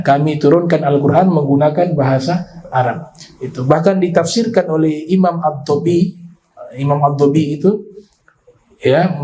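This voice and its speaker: A man giving an Islamic religious lecture, explaining at length and reciting Arabic verses slowly. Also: a little high, warm tone, poor audio. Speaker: Islamic preacher.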